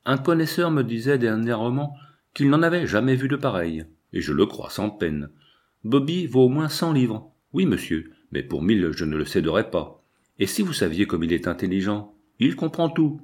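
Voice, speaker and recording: A man's voice: medium pitch, very animated, normal speed, a little mellow, lightly acted. A man voicing a fat, heavily made-up older landlady who chatters fussily and dotes on her pet. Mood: proud. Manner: chatty, fussy, doting. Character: fat, painted older woman landlady, gushing.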